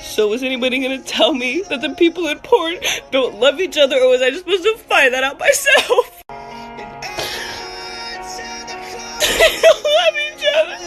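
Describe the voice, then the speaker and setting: Woman, very high voice, slow, bright, laugh-crying, faint music. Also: lively intonation, poor audio. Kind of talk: comic rant.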